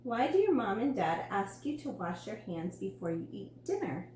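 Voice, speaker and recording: A woman's voice: mid-range voice, sing-song, normal speed, darkish tone, lightly acted. A woman voicing a friendly, enthusiastic dentist in a read-aloud storybook, asking questions in an emphatic teacherly way. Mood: explaining. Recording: roomy room with faint hum.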